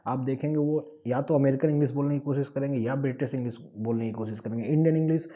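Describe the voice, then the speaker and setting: A man from Bihar with a Bihari accent, explaining an online English lesson with everyday examples and lively emphasis. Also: medium pitch, fast. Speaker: English teacher.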